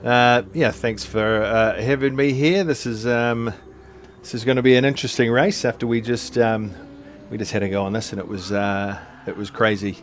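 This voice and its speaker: A man's voice: medium pitch, fairly even intonation, normal speed, slight background noise. A man co-hosting a sim racing stream, talking in a loose, chatty way with lots of fillers and self-deprecating asides. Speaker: co-host doing the visuals.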